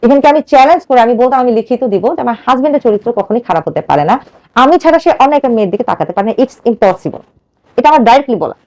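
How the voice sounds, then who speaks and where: A woman from Bangladesh in her thirties tells her own story to a radio host. She talks very fast in a somewhat high voice. She is earnest throughout and acts out the lines of the people she quotes. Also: lively intonation, mellow. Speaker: caller telling her life story. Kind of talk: emotional personal storytelling.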